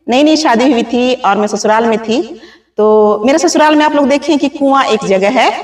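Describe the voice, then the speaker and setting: A woman's voice: sits high, a little mellow. A woman, chatting casually to her viewers outdoors and often calling them friends. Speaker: vlogger. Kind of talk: casual vlog chat to viewers. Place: outdoors under open sky. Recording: distant, roomy-sounding mic.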